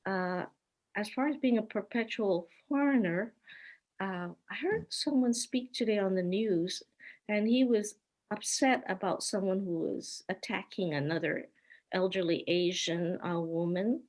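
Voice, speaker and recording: An older woman speaks in a voice of middling pitch, neither high nor low. She tells her own life story at an unhurried pace, stopping now and then to manage her slides. She is heard through a computer mic on a video call. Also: darkish tone. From Hawaii. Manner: unhurried, stops to sort out her screen share. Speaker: interview guest.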